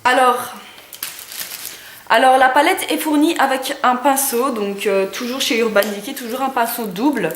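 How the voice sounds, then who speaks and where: A young woman reviewing makeup in a casual, chatty way, with many hesitations and lots of enthusiastic praise. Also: on the high side. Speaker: beauty vlogger. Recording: echoey room with faint noise.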